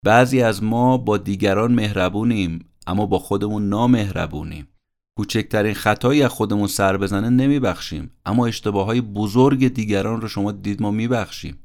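A man's voice: fairly low pitch, vocal fry, darkish tone. A man hosting a podcast, summarizing a self-help book in a conversational, earnest and motivational way, acting out the people he quotes.

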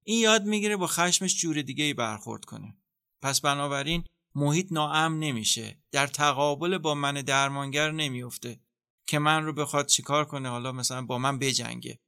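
A man speaking as a psychotherapist in an interview, calmly explaining how treatment works and acting out what a therapist says. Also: a little high, smooth, no echo, studio quality. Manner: calm, explanatory, acts out therapist dialogue. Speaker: psychotherapist guest.

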